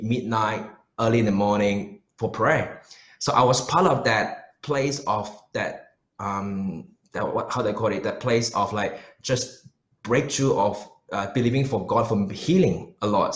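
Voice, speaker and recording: A pastor and missionary with a Malaysian accent gives earnest, personal answers as an interview guest, his mid-range voice fairly bright. The sound is roomy and echoing.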